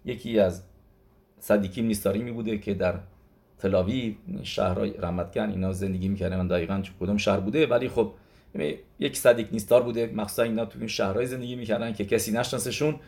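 A man of ordinary pitch gives a religious lesson by retelling stories. His delivery is loose and conversational. He often halts and restarts his words. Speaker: religious teacher. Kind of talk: storytelling Torah lesson.

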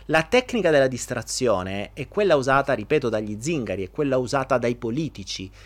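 A man hosting a casual live chat, animated and jokey, talking straight to his viewers. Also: medium pitch. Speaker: live stream host answering viewers.

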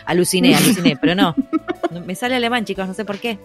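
A woman's voice: mid-range voice, quick pace, faint music behind. A woman with a Rioplatense Spanish accent, co-hosting a casual chat, playful and laughing often. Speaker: podcast co-host.

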